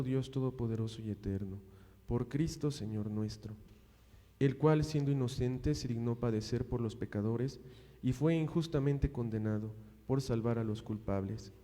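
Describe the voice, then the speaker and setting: Mellow priest in a cathedral-like echo. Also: male voice, mid-range voice. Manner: solemn, formal. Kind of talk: liturgical prayer recitation. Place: large reverberant church. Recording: echoey church with long reverb.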